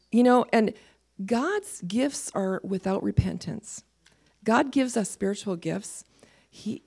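A woman leads an informal Bible teaching in a voice with plenty of gravelly fry. She speaks emphatically, slows down to read scripture, and sometimes drops to a whisper. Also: medium pitch, darkish tone.

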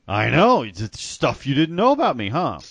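A man's voice: mid-range voice, huge pitch swings, normal speed, a bit bright, dry recording. Teasing, laughing middle-aged man. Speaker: podcast host. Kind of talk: casual chat.

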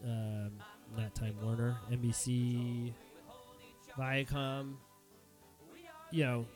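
Slow-talking sardonic New man. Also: medium pitch. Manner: rambling, sardonic, jokey asides. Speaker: podcast host. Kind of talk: casual solo podcast monologue. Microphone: headphones with a studio mic.

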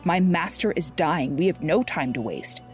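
A woman's voice: low-pitched, animated, normal speed, a little mellow, soft background music. A woman voicing a loyal, anxious male servant in an urgent, respectful storybook reading.

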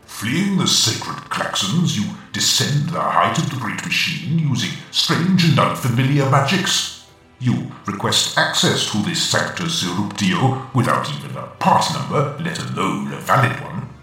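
A man's voice: fairly low pitch, very animated, a little slow, pushed and bright, full character voice. A man voicing a stern, zealous male leader of a machine cult, speaking solemnly and with scorn. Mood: menacing. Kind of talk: solo tabletop role-play. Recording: heavy echo, distant, music behind.

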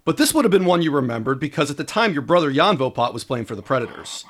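A man hosting an interview, asking questions in a lively way. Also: on the high side, fast talker. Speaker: podcast host, interviewer.

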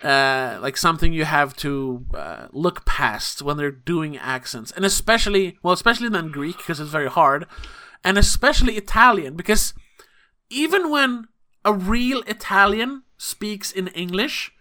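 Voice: medium pitch, expressive, a little slow, bright, forceful tone. A podcast co-host reviewing a film in casual chat, rambling with hesitant fillers and apologetic asides.

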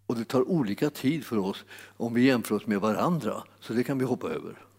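A man's voice: medium pitch, animated, gravelly, darkish tone, husky. En man som predikar med många omtagningar och upprepade ord, som ibland stegras till utrop. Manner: halting, repeats words, rises to exclamations. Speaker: preacher. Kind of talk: sermon. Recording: long hall reverb.

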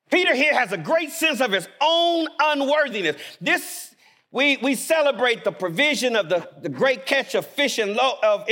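High, animated male preacher. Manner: animated, emphatic preaching with sudden drops to quiet. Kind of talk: sermon. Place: chapel.

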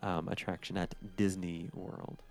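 A man's voice: low voice, level tone, unhurried, faint music behind. A man with a nasal voice co-hosting a casual podcast, talking in an easygoing, friendly way. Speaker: podcast co-host.

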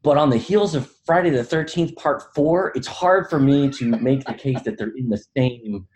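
A man's voice: mid-range voice, moderate pace, darkish tone, a little hiss or hum. A middle-aged man who teaches film, talking through ideas in a casual podcast chat, reflective and self-deprecating, often hedging his points.

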